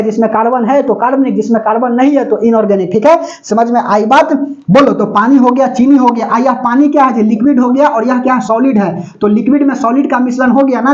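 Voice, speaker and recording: A man's voice: very high-pitched, darkish tone, dull audio. A man lecturing on chemistry, quizzing students with constant questions and joking everyday examples. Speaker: chemistry teacher. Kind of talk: classroom lecture.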